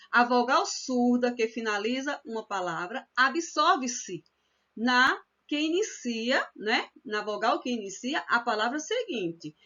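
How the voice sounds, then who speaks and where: Patient Northeastern Brazilian woman teacher, lively up-and-down delivery, somewhat muffled recording. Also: fairly high pitch. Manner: explanatory, repeats examples slowly, frequent "né?" and "olha só". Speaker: cordel literature workshop teacher. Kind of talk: online workshop lesson.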